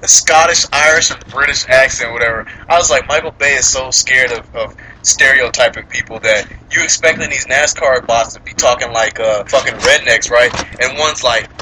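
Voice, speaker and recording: A man chatting casually about a movie, animated and profane, laughing often and mimicking characters. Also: medium pitch, moderate pace, hardly any pauses, noisy background. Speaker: movie reviewer. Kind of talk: casual chat.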